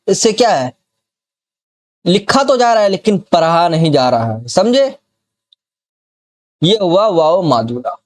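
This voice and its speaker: Slow-paced, high-voiced male grammar teacher. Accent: Bihar. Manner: slow, repeats example words and keeps checking the student follows. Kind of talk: classroom grammar lesson.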